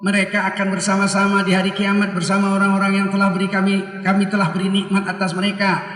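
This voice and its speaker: A man preaching a sermon in an animated way, acting out little dialogues, recorded from far off in an echoey hall. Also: sits high, quick pace.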